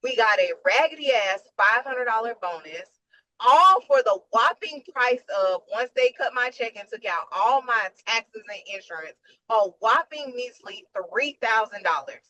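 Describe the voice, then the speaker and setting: Tired, frank woman with a bright voice. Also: on the high side, animated, normal speed, poor audio. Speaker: nurse and webinar attendee. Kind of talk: casual venting on a video call.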